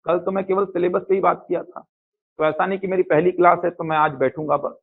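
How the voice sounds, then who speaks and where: A man's voice: high voice, fairly even intonation, fast, vocal fry. A man teaching a live online math class, who asks questions and answers them himself, with a Chhattisgarh Hindi accent. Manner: repetitive, asks and answers his own questions. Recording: tinny phone-like sound.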